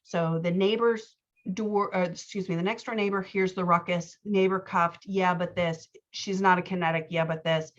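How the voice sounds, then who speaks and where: In a muffled recording, a woman with a low-leaning, fairly evenly intoned voice speaks at normal speed. She is a writing coach and podcast host giving a conversational manuscript critique, explaining, thinking aloud and often checking with "right?".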